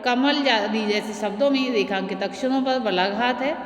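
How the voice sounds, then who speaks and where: A woman teacher giving a classroom lecture, slowly explaining and stressing example words. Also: on the high side. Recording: echoey room with long reverb.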